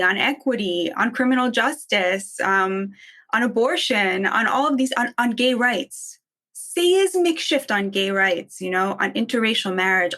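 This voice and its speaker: A woman in her thirties from Boston, raised in Israel, giving fast, emphatic opinions as a podcast guest with many "I mean"s. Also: medium pitch, fairly bright tone. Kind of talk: opinionated interview talk.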